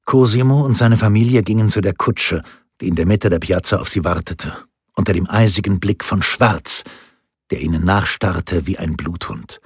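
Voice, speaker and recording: A man narrating a historical novel in a measured, dramatic storytelling manner. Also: deep voice, slightly rough, dry recording, clean studio sound. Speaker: audiobook narrator.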